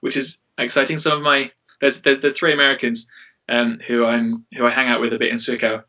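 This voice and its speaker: A man's voice: mid-range voice, level tone, brisk, bright, forceful tone. A man speaking casually and earnestly in an interview as a church worship leader, in an informal way. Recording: dull, distant-mic recording.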